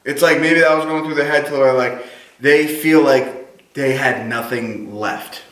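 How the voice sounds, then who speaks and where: A man talking casually and haltingly as he hosts a paranormal investigation vlog. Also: medium pitch, steady tone, a bit bright. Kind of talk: casual ghost-hunt vlog talk. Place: small cobblestone and brick basement room in an old jail. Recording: echoey room, distant from mic.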